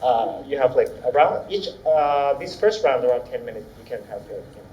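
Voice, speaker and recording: Male panel moderator, informal and halting, loosely phrased; roomy, dulled sound with faint noise. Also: medium pitch, lively intonation, warm tone. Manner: hesitant, loosely phrased, searching for words. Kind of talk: informal spoken introduction of panelists. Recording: echoey, slightly dull, faint noise.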